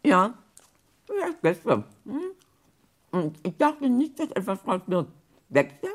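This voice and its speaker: A woman's voice: medium pitch, big pitch swings, slow pace. An actress playing Rosalie, a dreamy woman who invents whole worlds, in a surreal radio play, musing and half-absent.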